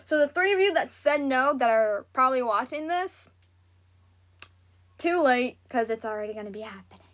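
A woman's voice: high voice, lively intonation, normal speed, a bit bright. A woman in her late thirties from Southwest Florida with a Southern accent, hosting a casual livestream talk show with lots of fillers and laughs. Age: 30s. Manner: rambling, giggly, lots of fillers. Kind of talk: casual chat with live chat viewers.

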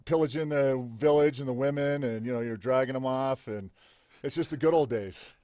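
A man's voice: medium pitch, normal speed, no room sound, clean studio sound. Boisterous older man co-hosting. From Idaho, US. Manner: excited and boisterous. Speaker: sports show co-host. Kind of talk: casual chat.

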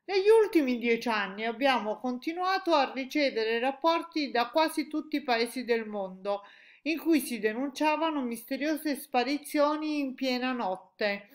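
A woman voicing a loud, indignant middle-aged army chief with a raised voice. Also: high-pitched, lively intonation, moderate pace, voice pushed up. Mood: blustering.

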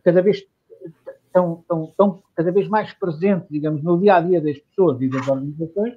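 A man's voice: a little high, a little fast, breathy edge, dull audio. A man as a guest in a live online talk, searching for words and restarting often. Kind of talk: discussion answer.

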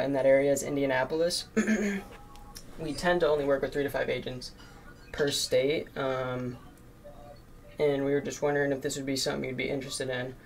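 Teen guy, kinda gravelly, nervous cold caller saying um and like a lot, faint hiss. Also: mid-range voice. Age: teens. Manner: nervous, lots of fillers like "um" and "like". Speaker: marketing agency owner cold calling. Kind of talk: recorded cold calls and casual commentary.

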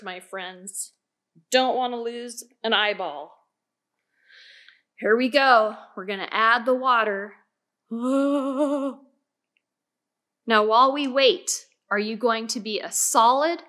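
Brief: bubbly woman teaching science to little kids, bright high voice. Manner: animated, playful, talks straight to children. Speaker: children's science show host. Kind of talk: kids' science lesson.

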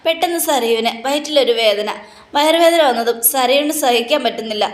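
A woman recaps a TV serial episode in a chatty, dramatic storytelling manner, acting out the characters as she goes. Her voice is high, and the recording rings with room echo. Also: a little fast. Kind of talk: casual retelling of a TV serial episode. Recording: echoey room.

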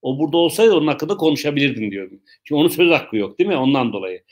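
Slow, repetitive explanations come from a man leading a live online English class, who also jokes in response to viewers' questions. His voice is a little high and animated.

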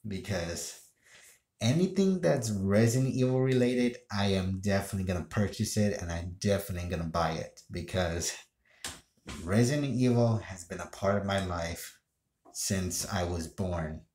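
A man's voice: low voice, darkish tone. A man who streams games, talking in a casual monologue that rambles, restarts sentences and sighs. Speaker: gaming streamer. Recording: roomy echo.

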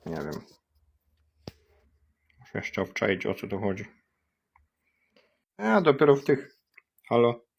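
A man's voice: lowish voice, very animated, slow pace, gravelly, pauses often, husky, dull audio. A man testing gadgets in a casual unboxing vlog, thinking aloud, hesitant, with many fillers. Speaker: product tester vlogger. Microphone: cheap USB microphone.

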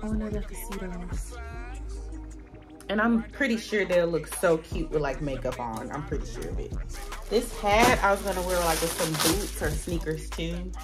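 A chatty woman in her thirties with a Southern US accent, talking casually to the camera at home. Her voice sits a little low and stays friendly and direct. Soft music plays faintly behind her. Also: lively intonation, normal speed. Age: 30s. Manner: chatty, playful, talks straight to viewers. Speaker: vlogger. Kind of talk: casual vlog chat to camera. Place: home bedroom.

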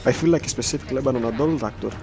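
A man's voice: mid-range voice, racing. A man giving casual gameplay commentary, with slangy, muttered asides and swearing. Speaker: gamer. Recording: loud game music and battle sounds. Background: game music, artillery and gunfire.

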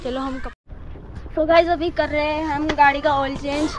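A young woman chatting lively to viewers while vlogging with family. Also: high-pitched, measured pace. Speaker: vlog co-host. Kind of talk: casual vlog chat. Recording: noisy background.

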